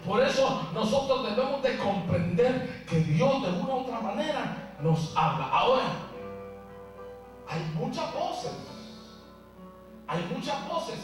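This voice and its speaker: A male pastor preaching a sermon in a church, emphatic and repetitive, building his points in long lists. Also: high-pitched. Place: church sanctuary. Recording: echoey hall from far off with faint music.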